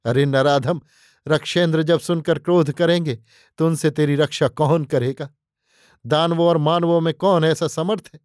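Man doing dying demon prince warrior, proud and defiant, raised pitch, dramatic audiobook. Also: steady tone, moderate pace, a little mellow, no echo, clean studio sound, lightly acted. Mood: broken defiance. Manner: roaring, then broken gasping speech.

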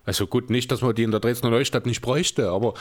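A man with an average-pitched voice co-hosts a casual chat podcast. He weighs each point carefully and analytically, often with a chuckle. He is recorded indoors in a room with closed windows. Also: fairly even intonation, quick pace. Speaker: podcast co-host.

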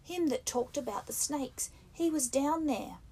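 A woman voicing an anxious, fussy schoolboy who scolds the others indignantly, in husky, rough-grammared speech. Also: high-pitched, animated, a little slow, darkish tone, voice pushed up, exaggerated voice. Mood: alarmed. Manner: indignant, breathless, nagging, with a rough country-boy grammar. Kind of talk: audiobook character reading.

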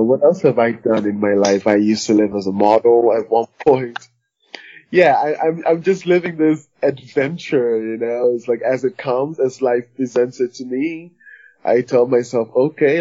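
A man from Liberia, a guest author, telling his story in a relaxed, reflective way over the phone. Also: mid-range voice. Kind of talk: phone interview. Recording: dull phone line.

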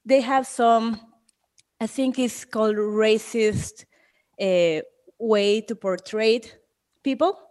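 A woman's voice: a little high, takes it slowly, pauses often, a little mellow. A woman with a Mexican accent, co-hosting a casual chat podcast and laughing often. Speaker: podcast co-host.

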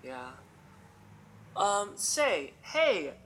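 A man's voice: sits high, big pitch swings, drawn-out words, a bit bright, a little hiss or hum, full character voice, rough recording. A man playing a paranoid escaped male mental patient in an amateur radio drama, stammering and rambling. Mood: awkward. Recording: music playing underneath.

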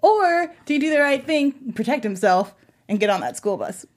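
A woman hosting a casual panel chat about a TV episode, lively and quick to laugh. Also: high-pitched. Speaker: host.

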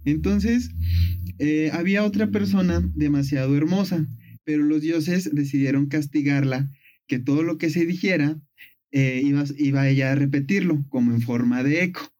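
A man's voice: a little high, moderate pace, darkish tone. A man casually retelling a myth on a chat show, playful and full of fillers. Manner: playful, storytelling with lots of fillers.

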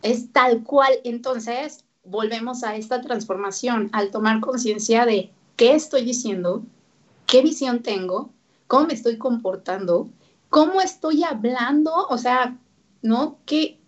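A woman's voice: fairly high pitch, expressive, a little slow, lo-fi sound. A woman, a therapist guest on a parenting radio interview, talking animatedly and acting out parents and children.

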